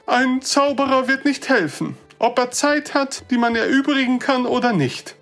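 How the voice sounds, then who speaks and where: A storyteller voicing an older human gentleman who speaks formally and a little hesitantly. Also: high-pitched, lively intonation, moderate pace, faint music behind, pitched above the performer's own voice. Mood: earnest. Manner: formal, hesitant, old-fashioned.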